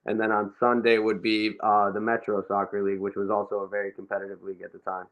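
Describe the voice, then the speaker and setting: A man's voice: on the low side, monotone, fast talker, phone-quality sound. A young man, a professional soccer forward, casually recounting his career in a laid-back way during an interview.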